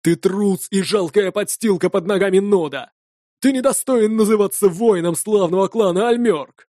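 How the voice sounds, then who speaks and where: A man's voice: sits high, normal speed, warm tone, no room sound, pitched above the performer's own voice, close to an everyday voice. A scornful young viking warrior spits out his defiance in a raised, strained voice, performed by a male audiobook narrator. The delivery drips with insolence and contempt. The recording is dry and close. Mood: scornful defiant. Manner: sneering, scornful.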